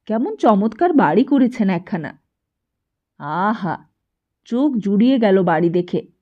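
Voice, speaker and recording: A woman voicing a sharp-tongued, scolding mother in a storybook reading, exclaiming and quick to anger. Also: medium pitch, big pitch swings. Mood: indignant scolding. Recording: dull lo-fi recording.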